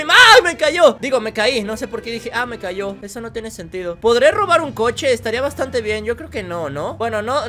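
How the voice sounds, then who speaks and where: Excitable young gaming youtuber, high and bright, often yelling. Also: male voice. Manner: excitable, shouts and laughs often. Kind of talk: gameplay commentary.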